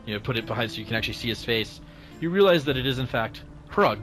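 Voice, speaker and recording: A man narrating casually as game master, improvising hesitantly with lots of pauses. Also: medium pitch, expressive, fairly bright tone, faint music behind.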